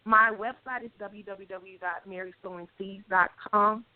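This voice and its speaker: A woman life coach appears as a radio guest in a casual interview chat, earnest and hesitant, with many ums. Her mid-range voice is steady at a moderate pace, and the recording is dry with a tinny phone-line sound.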